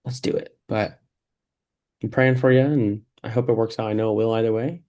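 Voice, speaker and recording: A man's voice: fairly low pitch, fairly even intonation, normal speed, dark tone. A man acting as a peer mentor in a faith-based mentoring conversation, talking in an easygoing, encouraging way with many fillers. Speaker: peer mentor in a practice session.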